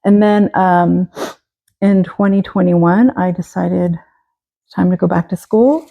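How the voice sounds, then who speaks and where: A woman in her forties from Texas, a guest telling her story in a relaxed interview, pausing often and restarting. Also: on the low side, gravelly, phone-quality sound. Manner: hesitant, many fillers and restarts. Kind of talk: casual interview.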